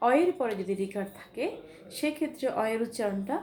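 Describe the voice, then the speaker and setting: A woman teacher giving a pronunciation lesson, patiently repeating each example word slowly. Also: a little high, expressive, a little mellow. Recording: echoey room with faint ambient noise.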